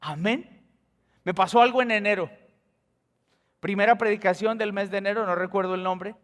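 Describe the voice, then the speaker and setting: A Colombian man preaching a sermon as pastor, telling a story and acting out the dialogue, with sudden high exclamations. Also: normal speed. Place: church sanctuary. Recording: long church hall reverb.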